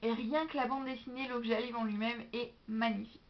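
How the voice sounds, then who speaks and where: A young woman with a French accent and a somewhat high voice chats brisk and enthusiastic about library books in a casual book haul vlog, full of lively asides. The home video audio is dull and lo-fi, with slight background noise.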